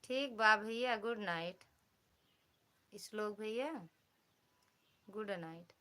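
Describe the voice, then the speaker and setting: A woman's voice: mid-range voice, slow pace, pushed and bright. A woman with an Awadhi-flavoured Hindi accent from Uttar Pradesh, hosting a casual live stream, teasing and thanking viewers by name on a phone mic at home. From Uttar Pradesh, India. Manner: teasing, chatty, reads out and thanks commenters.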